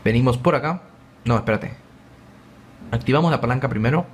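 Excitable young man playing a game. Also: medium pitch, brisk, husky. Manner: chatty, excitable, joking. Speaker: gaming YouTuber. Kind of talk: let's play commentary.

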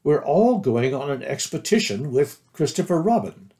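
A man's voice: on the high side, very animated, normal speed, mellow, voice pushed up. A man voicing a naive, eager, muddle-headed storybook teddy bear who hesitates over long words. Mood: eager, muddled.

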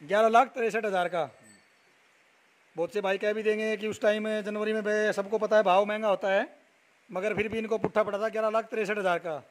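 A young man from Haryana, India, touring a buffalo shed at night and chatting as a dairy vlogger. He repeats numbers and names back and fills pauses with "a". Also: sits high, steady tone. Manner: repeats figures and names back, many "a" fillers. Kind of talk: casual walk-around video with interview.

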